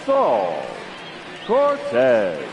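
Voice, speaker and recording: A booming stadium PA announcer over loudspeakers. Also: male voice, wildly swooping pitch, background noise, exaggerated voice. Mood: formal. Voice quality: drawn-out, sing-song announcing. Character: male stadium public address announcer. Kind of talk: formal ballpark lineup announcing.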